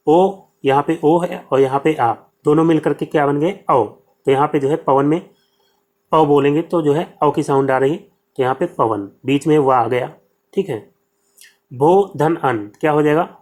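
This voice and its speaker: Speaking in a fairly high, darkish voice, a man with a Hindi accent teaches an exam-prep grammar lesson. He works through it step by step, poses questions and answers them himself, and says "ठीक है" again and again.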